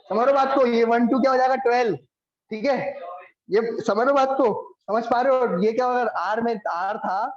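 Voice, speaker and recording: Male biology tutor, high voice, coaxing, quizzes students; roomy, muffled recording. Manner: coaxing, repeats questions to students, calls them beta. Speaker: biology teacher. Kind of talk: classroom lecture. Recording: echoey room, dull lo-fi sound.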